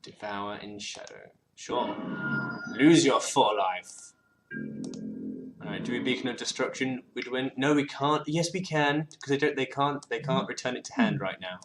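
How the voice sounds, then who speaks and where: This man's mid-range voice is sing-song, unhurried, and creaky, heard over music and faint background noise. He co-hosts and plays an online card game, giving casual commentary, often restarting words and quietly saying card names.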